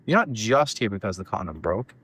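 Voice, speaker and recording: A man's voice: lowish voice, very animated, brisk, fairly bright tone, slightly rough. A man co-hosting a podcast, chatting casually about online stories and teasing with sarcastic jokes. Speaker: podcast co-host.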